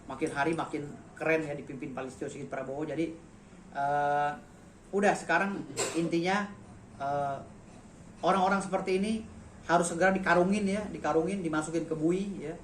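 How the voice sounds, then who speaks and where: A man's voice: fairly high pitch, fairly even intonation, fairly quick. Blunt man. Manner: blunt, insulting, repeats "gitu loh". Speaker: interviewee. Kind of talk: heated press statement. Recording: echoey, faint background noise.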